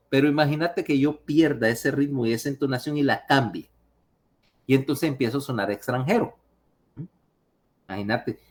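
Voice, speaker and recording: Brief: conversational male lecturer with a mid pitch, over a video call link. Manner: chatty, asks listeners questions. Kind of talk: online lecture with anecdotes.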